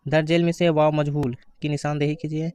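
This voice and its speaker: A man giving an exam-prep grammar lesson, asking questions and answering them himself, reading out the answer options slowly. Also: fairly high pitch, level tone, dark tone, clean tone, no echo. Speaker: teacher.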